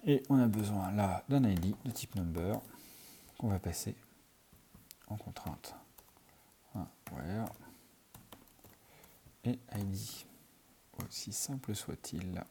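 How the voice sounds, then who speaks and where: A man's voice: on the low side, expressive, slow pace, long pauses, mellow, a little hiss or hum. A man teaching programming in a screencast, talking through his code as he types, with many fillers. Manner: thinks aloud while typing, many fillers. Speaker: programming tutor. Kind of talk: screencast coding tutorial.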